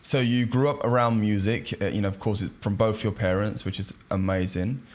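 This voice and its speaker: Low-voiced man hosting a podcast. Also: fairly even intonation, brisk. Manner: friendly, brief prompting questions. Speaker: podcast host. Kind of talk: scripted intro then interviewing.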